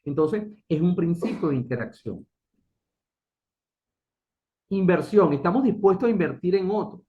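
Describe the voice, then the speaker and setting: A man's voice: sits high, expressive, measured pace. A middle-aged man giving an earnest motivational talk as a business consultant, asking rhetorical questions and repeating key phrases. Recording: dull lo-fi recording.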